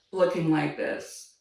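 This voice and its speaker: A woman's voice: sits low, gravelly, a little mellow. Woman chiming in, echoey distant sound. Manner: chimes in with short exclamations and prompts. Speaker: interviewer and former cast member. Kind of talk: casual reminiscing chat. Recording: echoey room, voice from off mic.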